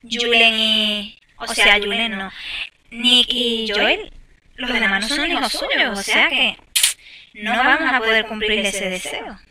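A woman's voice: a little high, slow pace, bright, forceful tone, distant mic. A woman giving casual gameplay commentary, chatting to viewers with exasperated asides. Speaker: gameplay streamer.

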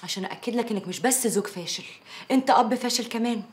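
An actress playing a sharp-tongued, scornful Egyptian ex-wife in a film drama, speaking cuttingly. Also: female voice, a little high, racing, natural voice.

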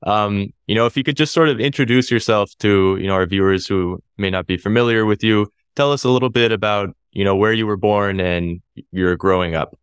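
A man's voice: lowish voice, a little fast, hardly any pauses, smooth, no room sound. A man, hosting a podcast interview in a casual, chatty way from a small home studio. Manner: relaxed, chatty, laughs often. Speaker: podcast host. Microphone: studio mic on boom arm, headphones.

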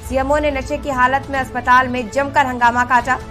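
Woman, young news anchor, raised pitch, bulletin delivery, repetitive phrasing, clear music bed behind. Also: little pitch movement, normal speed, sharp tone. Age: young adult. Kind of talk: breaking news presentation. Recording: studio voice over news music.

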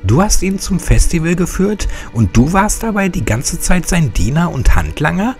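A furious young woman screams and spits insults in a high, swooping voice, as a man puts her on. The voice carries a gravelly edge, with faint music behind it in a horror audiobook. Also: big pitch swings, moderate pace. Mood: accusing.

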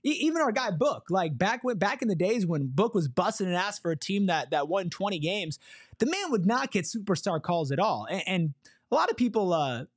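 A young man hosting a casual sports podcast, animated and joking as he tosses questions to his guests. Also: high-pitched, a little fast, husky, no echo, clean studio sound. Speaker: podcast host. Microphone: podcast microphone on a boom.

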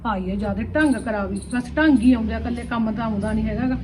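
A woman's voice: sits high, steady tone, background noise, close to an everyday voice. A woman playing an overworked elder daughter-in-law who scolds and complains in an amateur village family skit. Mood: complaining. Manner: rapid, scolding, indignant complaints. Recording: roomy echo, distant from the mic.

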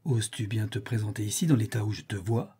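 A man's voice: lowish voice, fast, warm tone, husky. A man putting on a grumbling gatekeeper Saint Peter. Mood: scolding. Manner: scolding, grumbling. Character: gruff male gatekeeper saint, stern but soft-hearted.

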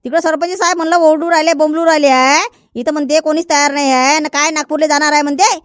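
A woman voicing an eager young village errand boy in a comedy skit, pleading and hurried. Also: high voice, steady tone, dry recording, clean studio sound, lightly acted. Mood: urging.

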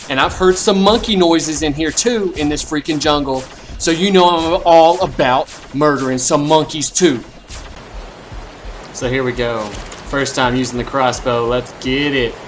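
Against a noisy background, a man with a mid-range voice hosts a comedic let's play. He boasts and trash-talks the creatures he battles, in a profane, playful style.

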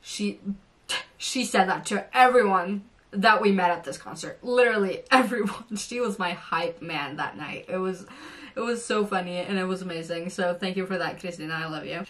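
A young woman from Norway telling an excited story to her camera, gushing and bubbly with many fillers. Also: lowish voice, moderate pace, far from the mic. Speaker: vlogger.

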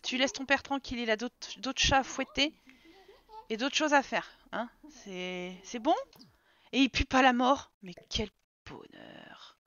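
A woman's voice: a little high, measured pace, fairly bright tone, no echo. A woman streamer giving casual live commentary on a life-simulation game, chatting to her characters and her viewers and getting exasperated with them. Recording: slightly dull stream audio with game music.

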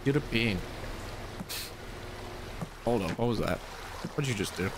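A man's voice: on the low side, expressive, moderate pace, background noise. A young adult man giving casual, sweary, joking commentary while streaming a game. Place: small indoor streaming room.

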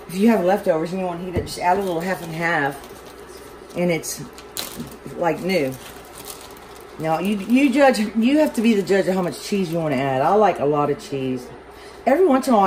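A chatty Southern woman with a voice on the low side cooks at home, rambling and poking fun at herself in a casual cooking demonstration. An overhead camera over the stove captures it in a noisy kitchen with a loud fan.

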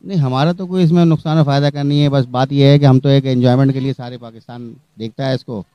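A man's voice: medium pitch, steady tone, fast talker, smooth, no room sound, lo-fi sound. A middle-aged man sitting on the grass in a park, answering an interviewer plainly and matter-of-factly. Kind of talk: casual chat. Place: outdoor park. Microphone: handheld mic.

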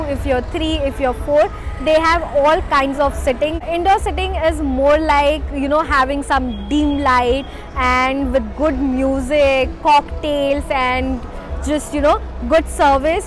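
Young indian woman food vlogger, high voice, indian english accent, chatty and excited, music and crowd noise behind. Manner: enthusiastic, mixes Hindi into English. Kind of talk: food review vlog. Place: restaurant indoors, then outdoor garden. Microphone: lapel mic.

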